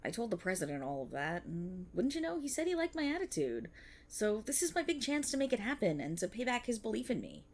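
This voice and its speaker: In an ASMR-style roleplay addressed to the listener, a woman plays an excitable, earnest young banshee training to be an idol. She's chatty and teasing, her mid-range voice a little fast, her mood earnest and hopeful.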